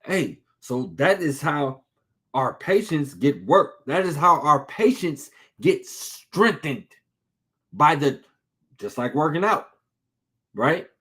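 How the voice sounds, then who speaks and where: A man preaching an informal sermon, reading scripture slowly and talking to listeners in a street-casual way, full of rhetorical questions. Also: a little high, fairly bright tone. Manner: reads scripture slowly and deliberately.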